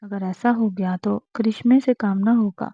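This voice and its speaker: A woman's voice: medium pitch, fairly even intonation, dark tone, no room sound, lo-fi sound, natural voice. A woman voicing a stubborn, sulky young wife. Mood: defiant sulky. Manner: defiant, sulky.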